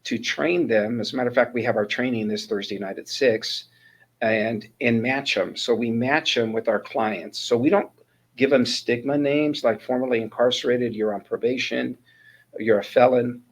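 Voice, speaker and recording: With a medium-pitched voice at a normal pace, a man in his sixties from Northern California, USA, gives a personal testimony as an interview guest. The ministry mentor coordinator keeps it casual and earnest, frequently starting his sentences over.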